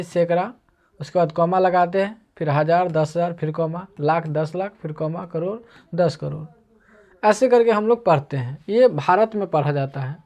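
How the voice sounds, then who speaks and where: A man with a high, slightly mellow voice teaches math online, patiently explaining and walking through each step again and again.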